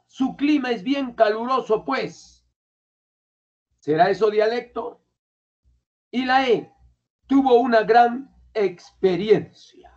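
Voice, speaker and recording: A high-voiced male language teacher from Peru speaks colloquially in a classroom lecture, repeatedly quizzing his students. The classroom recording is dull and lo-fi.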